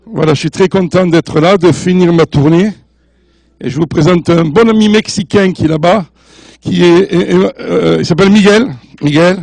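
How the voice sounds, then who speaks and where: Older man, high-pitched, a guest preacher joking with his church; dry, close recording. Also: moderate pace, vocal fry, darkish tone, no room sound. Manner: jovial, joking with the congregation; mixes French, English and Spanish. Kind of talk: sermon.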